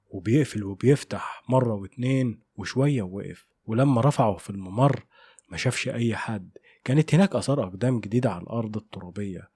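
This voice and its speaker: Husky low-voiced Egyptian Arabic narrator. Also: male voice, dark tone, no echo. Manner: measured, suspenseful. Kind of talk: scripted horror story narration.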